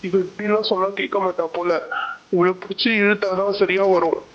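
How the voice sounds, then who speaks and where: A young man in a cartoon serial, shouting urgent orders in a crisis. His voice sits high for a man and comes across tense and insistent. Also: little pitch movement, a little fast, muffled recording. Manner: urgent, commanding.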